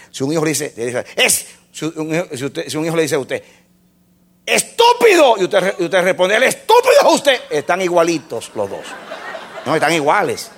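A male pastor preaching a sermon, telling a story with acted-out dialogue, laughing often, and moving between hushed asides and loud exclamations. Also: mid-range voice.

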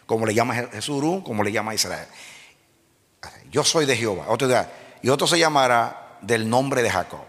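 A man preaching a sermon to a congregation, moving between low explanation and shouted peaks and asking the listeners direct questions. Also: animated, moderate pace. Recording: long hall reverb.

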